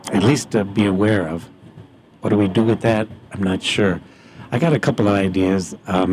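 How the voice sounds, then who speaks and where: A man, a priest, sitting in as host of a radio talk show, speaking in a halting, thoughtful way with many pauses and fillers. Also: low-pitched, gravelly, a little mellow.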